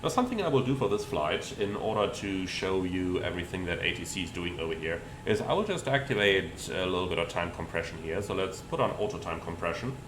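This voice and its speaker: A man with a fairly low voice gives pilot commentary on a flight simulator. He explains procedures step by step, in a roomy sound with clear background noise. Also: expressive, fairly quick, hardly any pauses. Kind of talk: explanatory commentary with radio readbacks.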